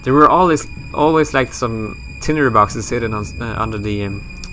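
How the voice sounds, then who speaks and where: Faint music plays behind this Swedish-accented man from Sweden, a gaming YouTuber working through a horror let's play. He rambles, cracks jokes at his own expense, and swears casually in a mid-range, fairly bright voice at normal speed.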